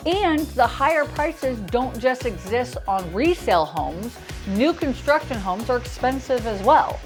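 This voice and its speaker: A woman's voice: fairly high pitch, very animated, a little slow, soft background music. An American woman with a lisp and whistling s sounds, presenting a scripted explainer to camera as a realtor and host.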